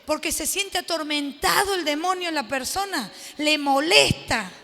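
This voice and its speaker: A woman pastor leading an animated Bible study sermon, laughing often and acting out the quotes. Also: high-pitched, normal speed, creaky, long reverb tail.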